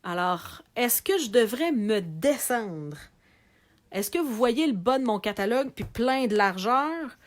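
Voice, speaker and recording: A woman's voice: on the high side, measured pace. A middle-aged woman with a Québécois French accent, chatting live to viewers while showing craft products for sale. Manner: chatty, animated, talks to viewers directly. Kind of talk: live video sales chat.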